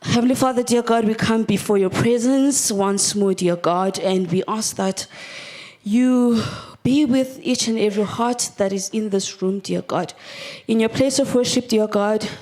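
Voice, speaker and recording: A woman's voice: fairly high pitch, a little slow, a little mellow. A woman from Cape Town, a guest speaker in church, introducing herself chattily with many ums and then leading a prayer. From Cape Town, South Africa. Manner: chatty, with many filler ums; repeats "dear God" in prayer. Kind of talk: church talk and spoken prayer. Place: church hall.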